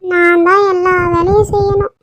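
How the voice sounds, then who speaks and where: A woman's voice: very high voice, flat delivery, normal speed, fairly bright tone, dry recording. A woman doing a whiny, gossipy neighbor aunty. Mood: complaining. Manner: whiny, complaining. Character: gossipy complaining neighbor aunty, middle-aged.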